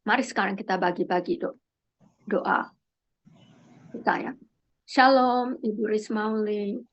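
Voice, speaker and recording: A woman leading an online prayer meeting on a video call, calling on each person gently by name. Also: mid-range voice, a little slow, muffled recording.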